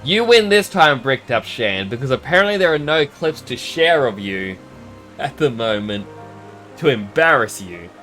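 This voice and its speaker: A man chatting casually as a livestreamer, in an animated, theatrical and chatty manner while he plays a game. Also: mid-range voice, normal speed. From Australia. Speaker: livestreamer, VTuber. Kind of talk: casual gameplay stream chat with read-aloud game dialogue. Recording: music behind the voice.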